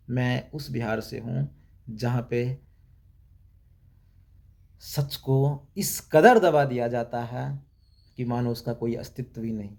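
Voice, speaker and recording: A man's voice: mid-range voice, creaky, warm tone. A young man from Bihar hosting his own channel, delivering an impassioned political monologue in repeated rhetorical lines. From Bihar, India. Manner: rhetorical and repetitive, building emphatic lists. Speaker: YouTube channel host.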